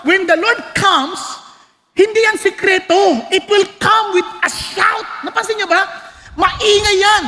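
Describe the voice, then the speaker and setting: A Filipino man preaching a sermon as pastor, animated and joking, shouting for emphasis. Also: extremely high pitch, long reverb tail.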